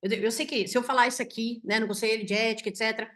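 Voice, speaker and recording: A woman doctor with a Brazilian Portuguese accent recounts a clinical case as a story. Her voice sits a little high for a woman. She keeps the telling animated and keeps checking in with "né?". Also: rapid-fire. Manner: animated, tags sentences with "né?". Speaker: physician teaching symbolic medicine. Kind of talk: storytelling a case to an online audience.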